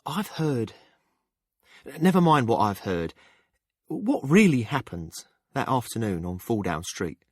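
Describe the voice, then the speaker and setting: A man's voice: mid-range voice, sing-song, unhurried, no echo, clean studio sound, voice pushed up. A man voicing a blunt, shrewd middle-aged townswoman who reads palms, speaking frankly in an audiobook. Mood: troubled. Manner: frank and sharp-tongued. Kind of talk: audiobook character voice.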